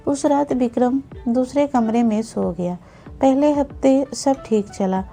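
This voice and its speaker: A woman narrating a written story in a calm, even storytelling manner as the channel's host. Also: sits high, a little slow, gravelly. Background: faint background music.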